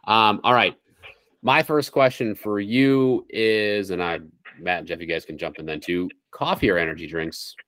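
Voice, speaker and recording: A man's voice: lowish voice, steady tone, normal speed, a bit bright, no echo. A man hosting a podcast, leading the questions in an upbeat, chatty way. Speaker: podcast host. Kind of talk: casual interview chat.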